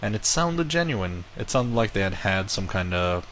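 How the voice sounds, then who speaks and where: A vlogger who isn't a native English speaker talks casually to camera in a deep voice at a moderate pace, with a little hiss or hum. He tells a long personal story in an animated, rambling way, correcting himself as he goes.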